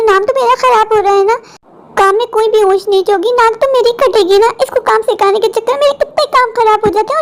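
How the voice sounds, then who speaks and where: Brief: a strict lecturing colleague, fast-talking and shrill-high, played by a woman. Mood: fretting. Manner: scolding, lecturing. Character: strict bossy office woman, impatient. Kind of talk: cartoon voice acting.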